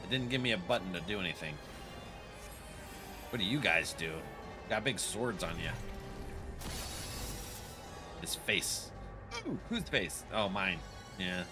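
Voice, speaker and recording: A man's voice: low-pitched, lively intonation, moderate pace, pauses often, over music. A man doing casual, slangy gameplay commentary, reacting and joking to himself as he plays. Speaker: video game streamer.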